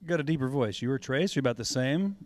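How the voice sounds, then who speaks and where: A man's voice: mid-range voice, animated, quick pace. Curious male radio co-host. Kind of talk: casual interview.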